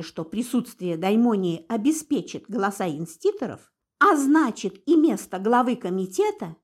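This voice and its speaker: Woman reading as a gruff stern father. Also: mid-range voice. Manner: gruff, blunt, impatient. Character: grim stern older father, a commanding man.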